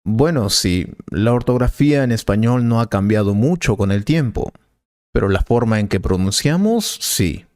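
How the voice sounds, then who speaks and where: Calm male professor voiced by a man for a scripted teaching dialogue: patient, slow, dry studio read. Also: lowish voice, no echo, lightly acted. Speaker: Spanish teacher.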